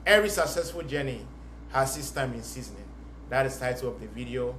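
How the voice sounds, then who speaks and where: A man's voice: mid-range voice, animated, quick pace, fairly bright tone, a little hiss or hum. A young Ghanaian man hosting a podcast, talking in an earnest, encouraging, preacher-like way. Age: young adult. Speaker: podcast host. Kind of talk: motivational podcast monologue. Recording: roomy echo with faint music.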